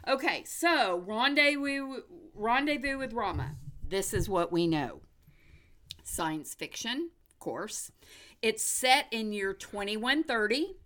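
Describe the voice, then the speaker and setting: An upbeat American woman hosts a casual film chat in a fairly high voice. She takes her time, talking very slowly in a chatty, folksy way. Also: lively intonation, fairly bright tone. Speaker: movie podcast host. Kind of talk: casual movie news chat.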